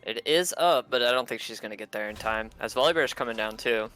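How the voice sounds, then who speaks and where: A man giving live color commentary on an esports match, analytical and quick to laugh. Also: medium pitch, a bit bright, soft background music. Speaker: esports caster.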